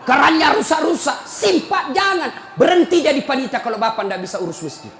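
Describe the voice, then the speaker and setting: A man preaching a humorous sermon, teasing and scolding his listeners and often breaking into shouts. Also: extremely high pitch, lively intonation, a little fast, creaky. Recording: echoey hall, faint crowd and noise.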